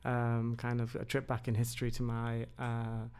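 A man who grew up in England talks about his background as a podcast guest. His voice has a gravelly edge, and he pauses often, filling the gaps with little hesitations. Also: medium pitch, monotone, a little mellow. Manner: hesitant, many fillers. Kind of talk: casual conversation.

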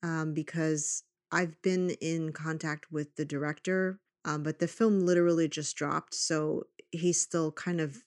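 Animated woman chatting on a podcast. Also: sits low, unhurried, few pauses, dry recording, clean studio sound. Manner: animated storytelling with self-quotes, swearing. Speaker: podcast host. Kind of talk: casual chat.

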